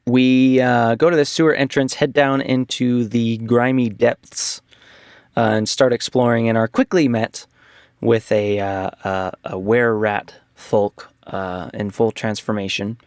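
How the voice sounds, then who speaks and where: A man's voice: mid-range voice, little pitch movement, measured pace, smooth, no room sound, studio quality. A man casually recapping a tabletop game session as game master, with lots of fillers and restarts. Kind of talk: casual podcast chat.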